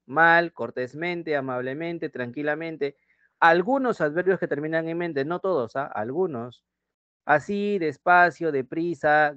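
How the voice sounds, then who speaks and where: A male teacher with a Peruvian accent and a somewhat high voice leads an online grammar class. He reads example sentences slowly and loudly, then drops into quiet asides. The recording is dry and dull, with a lo-fi sound. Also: no echo. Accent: Peruvian Spanish. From Peru.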